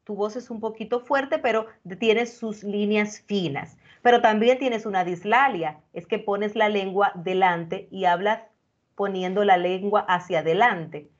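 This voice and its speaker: Over a video call, a female speech coach talks straight to a workshop participant, explaining her feedback in a calm, reassuring way. She has a medium-pitched voice and an unhurried pace, and the sound quality is lo-fi.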